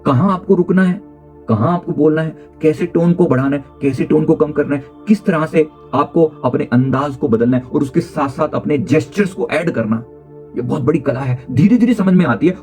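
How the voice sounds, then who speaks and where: A man as a life coach giving an emphatic motivational talk on communication skills. He repeats key phrases and swings his pitch and pace to show his point. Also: fairly quick, mellow, faint music behind.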